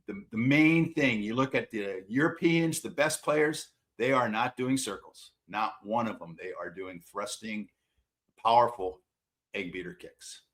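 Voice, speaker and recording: A man's voice: medium pitch, a bit bright. A man who coaches swimming and water polo, answering interview questions in a plain-spoken, self-deprecating way and repeating words as he gathers his thoughts.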